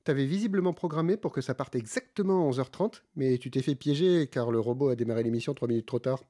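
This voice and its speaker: A male co-host chats casually on the radio. His voice is mid-pitched and mellow, and he talks fast.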